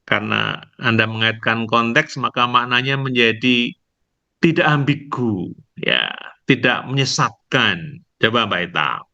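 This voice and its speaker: A male university lecturer giving an online lecture, explaining slowly and tagging nearly every phrase with a questioning "ya". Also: mid-range voice, animated, bright, forceful tone. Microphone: video call. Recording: dull lo-fi online call audio.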